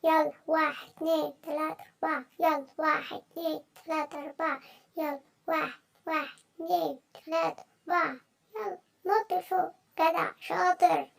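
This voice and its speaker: A woman voicing an encouraging cartoon animal friend with an Egyptian Arabic accent, coaxing and cheering softly. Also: sits high, fairly even intonation, a little fast, creaky. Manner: coaxing, cheering, softer and gentler. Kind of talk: children's cartoon voice acting.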